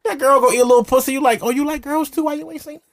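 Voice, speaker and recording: He talks rapid-fire in a very high-pitched, fairly bright voice with fairly even intonation. The man, a Brooklyn, New York native, hosts a podcast in a studio and drinks alcohol while recording, keeping up a brash, provocative, profane, loose chat full of laughter.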